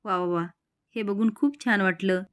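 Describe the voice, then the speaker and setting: A stern elder sister-in-law from a family serial story, firm and commanding when she lays down the law, as a woman narrator reads her. She speaks slowly and deliberately when giving orders. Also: mid-range voice, a bit bright, lightly acted.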